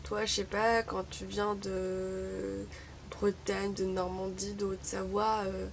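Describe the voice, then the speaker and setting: In a casual to-camera chat, a young Moroccan woman who grew up speaking Arabic sounds wry and hesitant. Her creaky, mid-range voice is level and slow, and slight background noise is audible.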